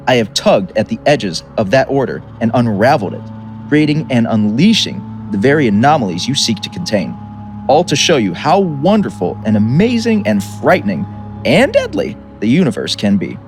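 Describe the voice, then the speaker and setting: A man's voice: medium pitch, close to an everyday voice. A man voicing a grandiose, mercurial chaos god and toymaker, theatrical and boastful, turning chatty and wry. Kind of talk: dramatic reading. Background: music.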